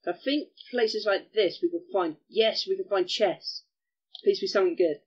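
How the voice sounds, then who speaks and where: Man, casual gameplay commentary, chatty, excitable, mild swearing, muffled lo-fi recording. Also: high-pitched, normal speed. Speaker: gaming channel host.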